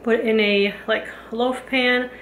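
A woman in her thirties rambles casually with lots of fillers in a home cleaning and cooking vlog, shot on a handheld camera at arm's length in her house's kitchen. Her voice sits on the high side, a bit bright, with fairly even intonation and an unhurried pace. The audio is poor, with an echoey room and a little hiss or hum.

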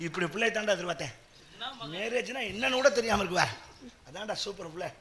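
A man's voice: high-pitched, expressive, fast talker, background noise. A man with a rural Tamil Nadu accent bantering on stage as a bashful suitor, fumbling his words. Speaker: stage actor in a village play. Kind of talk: comic stage banter before a live crowd. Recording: live outdoor stage with crowd.

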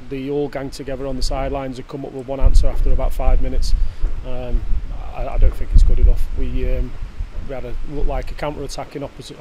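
A man's voice: medium pitch, dark tone, slight background noise. A man, a football manager giving a post-match interview in a hesitant way, full of fillers and restarts, recorded close up indoors. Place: indoor press area before a sponsor board.

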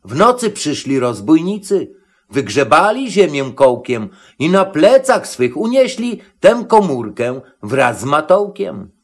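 A man reads a children's rhymed tale aloud in an expressive, rhythmic way. His fairly high voice rises and falls a great deal. He takes the verse at an unhurried pace. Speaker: narrator. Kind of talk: rhymed storybook reading.

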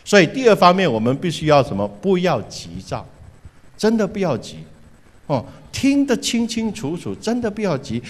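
A man's voice: high-pitched, big pitch swings, moderate pace. A man preaching a sermon, telling a story with animation and often asking the congregation questions. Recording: reverberant hall.

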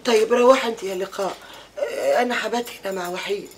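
A woman's voice: mid-range voice, fast talker, a little hiss or hum, natural voice. An actress with an Egyptian accent playing a worried middle-aged mother who comforts her daughter in a TV drama. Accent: Egyptian Arabic. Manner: anxious, comforting. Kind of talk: TV drama acting. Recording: music score underneath.

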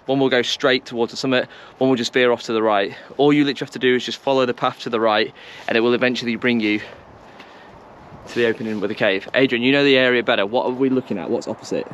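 A man's voice: medium pitch, a bit bright, a little hiss or hum. A young man vlogging on an open hillside with an action camera held at arm's length, chatting casually and giving directions with a few jokes. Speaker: vlogger hiking guide. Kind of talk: casual outdoor vlog chat.

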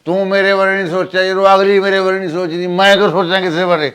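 A man's voice: high-pitched, little pitch movement, quick pace, fairly bright tone, clear, resonant tone. An actor playing a surly, drunk young husband who talks back defiantly to his mother. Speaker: son and husband. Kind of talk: village family drama acting.

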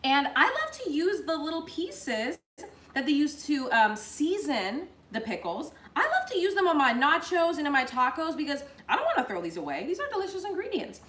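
A young woman runs a live cooking show at home, talking brightly and chattily to viewers as she assembles a dish. Her high, sing-song voice moves at normal speed, and the audio from a counter-distance fixed camera carries kitchen echo plus slight hiss or hum.

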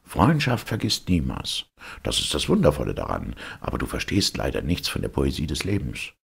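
A man's voice: rumbling low, wildly swooping pitch, normal speed, vocal fry, slightly rough, pitched below the performer's own voice, heavily acted. A man voicing a pompous, self-righteous miller who lectures in a preachy, self-satisfied way, in a storybook reading. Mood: lofty.

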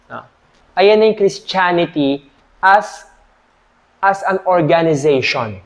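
A man's voice: high-pitched, lively intonation, measured pace. A man in his thirties with a Filipino accent, giving a church history lesson into a handheld mic in a small meeting room, mixing Tagalog and English and checking in with "okay?" again and again. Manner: mixes Tagalog and English, asks "okay?" often. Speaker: church teacher. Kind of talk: sermon-style Bible lesson.

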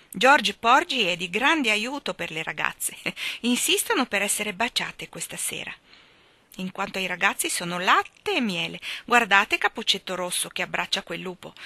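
Woman playing a cheerful old nursery woman, exclaiming, bright. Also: mid-range voice, dry recording. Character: cheerful old woman pushing a shoe of children.

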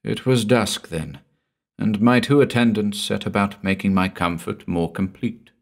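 A man with a very low, gravelly voice tells a horror story in the first person. His reading is slow and measured, with a brooding weight to every line. Low voice with a rough grain throughout. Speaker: audiobook narrator. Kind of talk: scripted horror story narration.

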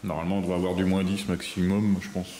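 A man's voice: deep voice, flat delivery, fast talker, dark tone, roomy sound, slight background noise. A young man casually explaining his ski mountaineering plans in a vlog, point by point, at home. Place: home living room.

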